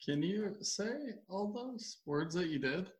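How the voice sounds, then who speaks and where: A man playing a word-guessing game on a radio show, excitable and laughing often as he fumbles his clues. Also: high-pitched, slow, roomy sound. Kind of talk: casual joking banter.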